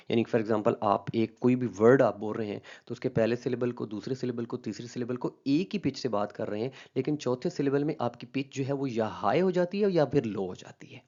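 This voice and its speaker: Man, linguistics teacher, explanatory lecture, mid-pitched voice, frequent check-ins, muffled lo-fi sound. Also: a little mellow. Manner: checks in often with a "right?" and mixes in English terms.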